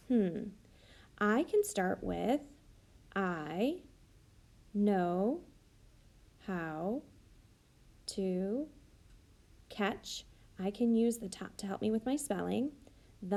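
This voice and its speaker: A woman teacher slowly modeling how to write sentences for young children, thinking aloud and sounding out each word. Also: mid-range voice, gravelly, a little mellow. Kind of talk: slow modeled writing demonstration.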